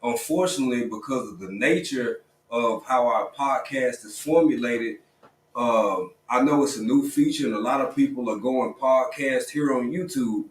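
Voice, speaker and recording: A man hosting a casual livestream, talking in a relaxed, conversational way with lots of quick affirmations. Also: mid-range voice, far from the mic. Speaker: livestream host. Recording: roomy sound, a bit off-mic.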